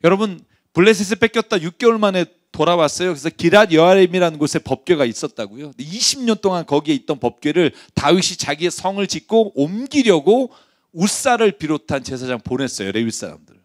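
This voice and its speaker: A man preaching a sermon as pastor, conversational and lively, asking his listeners rhetorical questions. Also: a little high, a little fast, dry recording, studio quality.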